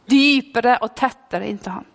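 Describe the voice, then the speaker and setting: A woman's voice: a little high, creaky. Fervent woman preaching in a reverberant hall. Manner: fervent, swings from loud calls to hushed whispers. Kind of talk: sermon.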